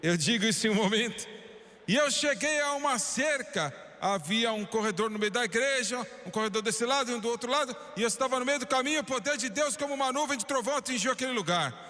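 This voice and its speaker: A fervent preacher with a Brazilian Portuguese accent, his voice high and bright as he tells his story. He drops to a hush, then pushes out strong, emphatic lines. A long hall reverb trails behind every phrase. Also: quick pace. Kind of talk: dubbed sermon storytelling.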